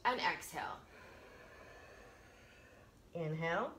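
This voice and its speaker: A middle-aged woman giving casual yoga instruction as a teacher, explaining informally with soft emphasis and little pauses, recorded in a living room by a camera a few feet away. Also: fairly low pitch, animated, a little hiss or hum. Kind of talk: casual instructional talk, guided breathing demonstration. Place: carpeted living room, indoors.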